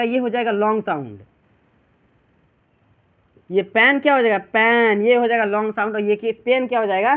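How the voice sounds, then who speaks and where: Man, Bihari Hindi accent, classroom lesson, asks and answers his own questions, phone-like sound. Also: extremely high pitch. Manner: repeats questions to students and answers them himself. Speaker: teacher. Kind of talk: classroom English pronunciation lesson.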